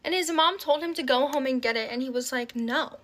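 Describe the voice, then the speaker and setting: A young woman with a high, bright voice tells a personal story in a chatty storytime vlog. She fills her sentences with "like" and acts out what everyone said as she goes. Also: fast talker. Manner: chatty, filler-heavy with frequent "like"; animated retelling with quoted dialogue.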